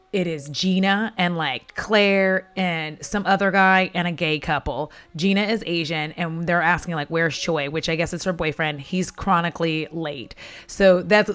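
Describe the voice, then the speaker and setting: A woman's voice: fairly low pitch, fairly bright tone. A woman casually recapping a film at home while doing her makeup, chatty and dramatic, with frequent profane asides. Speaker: vlogger retelling a film.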